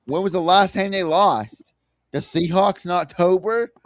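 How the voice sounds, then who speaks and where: A man's voice: high voice, measured pace, noisy background. A man with a Southern US accent and drawl, chatting casually as he hosts a sports prediction livestream.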